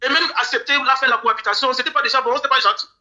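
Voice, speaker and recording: In an emotional interview, a male guest from Cameroon grieves and pleads, near tears, often repeating his words. His voice is very high and sharp, with a steady tone, and he speaks very fast.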